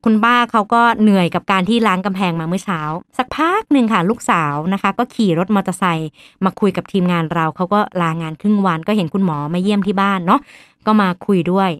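A woman doctor hosting a podcast who tells a story in a lively way and acts out the voices of the people in it. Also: medium pitch, fast talker, no echo.

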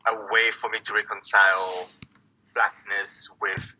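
A man who grew up in Italy, a poet guest speaking casually in an interview, reflective and halting, with many restarts. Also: fairly low pitch, level tone, bright, forceful tone, rough recording.

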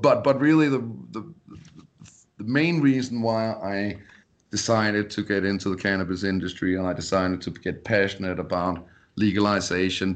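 A man from Denmark, a podcast guest, talking casually and often repeating words as he restarts sentences. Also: fairly low pitch. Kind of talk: casual interview talk. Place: Colorado.

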